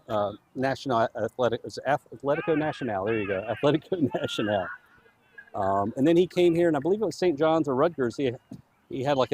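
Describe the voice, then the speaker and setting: A man's voice: medium pitch, a little mellow. A man giving casual, chatty live commentary on a soccer match for the home club. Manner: chatty, easygoing, laughs easily.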